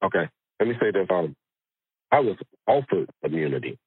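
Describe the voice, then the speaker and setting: A man calling in by phone who holds the phone away from his mouth, so his halting, repeating speech is hard to make out. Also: deep voice, very animated, husky, no room sound. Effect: phone held away from the mouth, hard to make out. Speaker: phone-in guest. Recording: tinny phone line.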